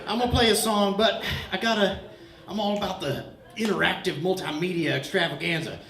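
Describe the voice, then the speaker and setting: A man doing a loud, rambling stand-up set in a bar, mock-earnest and bantering with the crowd, a little out of breath. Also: high-pitched, steady tone, a little fast. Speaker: stand-up comedian. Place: bar stage with laughing crowd. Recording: echoey bar room, crowd laughter.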